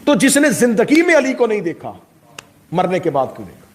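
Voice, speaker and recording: A man's voice: high voice, sing-song. A middle-aged man preaching a sermon to a gathering, impassioned and full of rhetorical questions. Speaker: Shia cleric giving a majlis.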